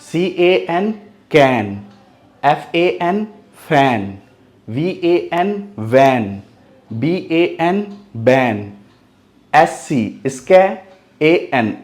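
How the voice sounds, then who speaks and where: A man's voice: fairly high pitch, lively intonation, extremely slow, a little mellow. A man teaching English phonics, spelling each word letter by letter and repeating it, asking the class questions and answering them himself. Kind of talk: phonics lesson.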